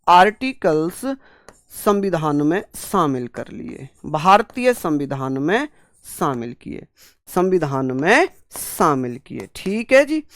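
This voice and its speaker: Slow, dry-voiced male exam-prep teacher. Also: fairly high pitch, no echo. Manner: repetitive drilling, voices students' questions, fond terms of address. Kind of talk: online classroom lecture.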